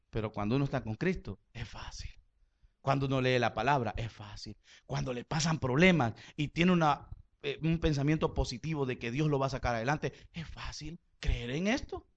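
A middle-aged man with a Salvadoran Spanish accent preaching a sermon in a church, joking and swinging from loud exhortation to quiet storytelling. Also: a little high, muffled recording. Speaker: pastor.

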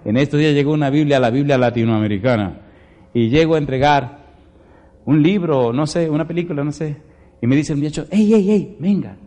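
A man's voice: fairly high pitch, a little fast, dark tone, long reverb tail. A male pastor preaching a Bible study sermon, emphatic, firing rhetorical questions at his congregation and telling folksy stories from home. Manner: folksy storytelling asides.

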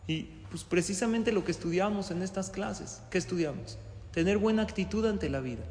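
Leading a religious class lecture, a high-voiced man teaches Torah to a live audience in a reverberant hall. He keeps throwing rhetorical questions at the listeners, speaking at a moderate pace with a slightly mellow quality.

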